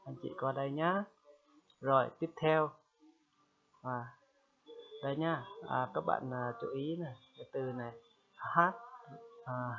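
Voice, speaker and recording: Man teaching a language over a tinny line. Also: mid-range voice. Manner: repeats phrases slowly and loudly for learners; chatty, checks in with "được chưa?". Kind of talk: casual spoken lesson. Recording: tinny phone-like sound.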